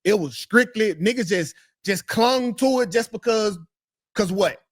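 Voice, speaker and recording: A combative guest scoffs his way through a heated panel argument in street slang. His voice is high for a man and recorded close and dry. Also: unhurried, dry recording.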